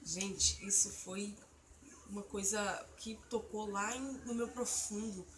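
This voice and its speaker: A woman's voice: mid-range voice, steady tone, takes it slowly, fairly bright tone, slight background noise. A woman earnestly telling a personal religious testimony, recounting a frightening experience in an emotional storytelling manner. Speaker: testimony speaker.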